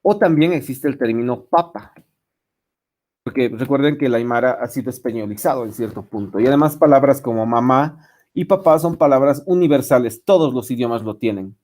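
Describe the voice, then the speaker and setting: A man's voice: mid-range voice, fairly quick, a little mellow. A man giving an online English lesson, rambling with many fillers and restarts. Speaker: English teacher. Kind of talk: online lecture.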